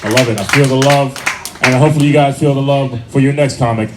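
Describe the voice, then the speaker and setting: A man's voice: mid-range voice, fairly even intonation, fast, very noisy. A man hosting a live bar comedy show, rallying the crowd and introducing the next comic. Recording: far from mic with loud crowd and music.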